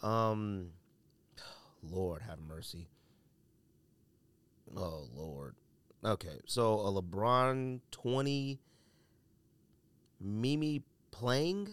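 The host talks very slowly in a fairly low voice, leaving long pauses. Between coughs and sneezes from being unwell, he gives casual, blunt, strongly opinionated podcast commentary, repeating things for emphasis.

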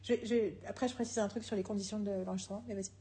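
A woman co-hosting a casual podcast chat who laughs often and talks in a lively, quick way. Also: medium pitch. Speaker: podcast co-host and screenwriting teacher.

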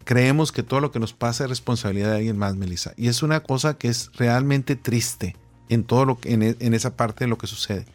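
A man's voice: mid-range voice, fairly quick. A middle-aged man, a guest speaking on personal growth, who tells anecdotes and acts out the people in them. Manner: animated storyteller, acting out the people in his anecdotes. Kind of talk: conversational storytelling.

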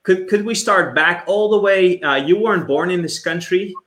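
Bright, excitable man hosting a live show. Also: high voice, normal speed, reverberant. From immigrant background. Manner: enthusiastic, stumbling restarts. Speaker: host.

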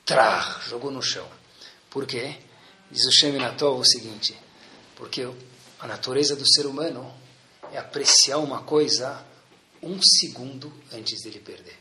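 A man's voice: mid-range voice, normal speed, long pauses, bright, forceful tone, roomy sound. A man with a Brazilian accent giving a Torah lesson, asking rhetorical questions and acting out little dialogues. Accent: Brazilian Portuguese. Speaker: rabbi teaching Torah.

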